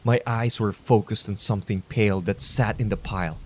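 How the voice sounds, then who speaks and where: Low-voiced man narrating sleep-time horror. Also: fairly even intonation, slight background noise. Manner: measured, low-key. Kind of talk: calm scripted sleep-story narration.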